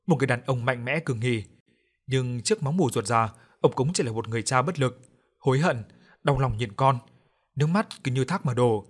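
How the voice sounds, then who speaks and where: A man reading a horror audiobook, telling the story dramatically. His voice is husky and breathy at an ordinary pitch. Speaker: audiobook narrator. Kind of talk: scripted horror narration.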